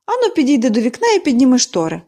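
A woman's voice: sits high, huge pitch swings, rapid-fire, warm tone, exaggerated voice. Woman reading as a dry, peevish invalid. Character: bitter bedridden woman of forty. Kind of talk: audiobook character reading.

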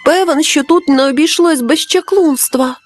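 A woman's voice: high-pitched, normal speed, faint music behind, close to an everyday voice. Makulia, a woman voicing an eager little boy. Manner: eager, wistful, childlike. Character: small boy missing his mother.

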